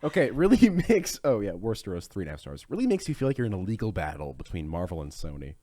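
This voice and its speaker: A man in a casual podcast chat, reading reviews aloud with a teasing, joking edge. His pitch swings widely as he talks. The sound is dry and close, with no room around it. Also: huge pitch swings, fast talker, dark tone, no room sound. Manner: joking, playful, reads aloud with silly voices. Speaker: podcast co-host reading reviews as quiz questions.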